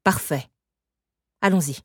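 A woman voicing a stern, sorrowful sorceress who cares for an orphan girl, speaking calmly and firmly in an audiobook. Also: low voice, takes it slowly, breathy edge, no echo, clean studio sound, heavily acted. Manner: calm, firm, soft-spoken. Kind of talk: audiobook reading.

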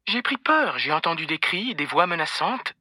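A man reading an audiobook, voicing a rich older mother who speaks calmly and coldly while recounting a shooting. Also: fairly high pitch, normal speed, breathy edge, no echo, studio quality, voice pushed up, exaggerated voice. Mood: cold, anxious. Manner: calm, cold, disjointed. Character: cold, rattled older mother on the phone. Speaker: narrator voicing a character.

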